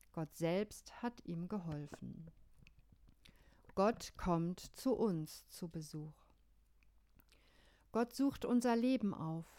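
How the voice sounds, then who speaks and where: A woman pastor giving a radio devotional sermon, calm and measured, telling a story. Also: mid-range voice.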